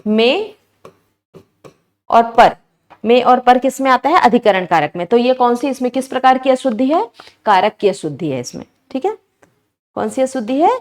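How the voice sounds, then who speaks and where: A woman teacher with a slightly high voice talks through exam questions. She keeps asking her students questions and builds each answer step by step. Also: very animated, normal speed, long pauses, darkish tone. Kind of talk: exam prep lesson.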